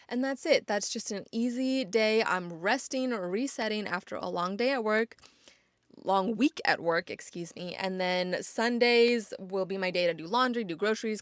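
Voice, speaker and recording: A woman's voice: medium pitch, a bit bright, no echo, clean studio sound. A young woman hosting her own podcast, talking casually and encouraging listeners, repeating phrases for emphasis. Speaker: podcast host. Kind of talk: casual solo podcast monologue.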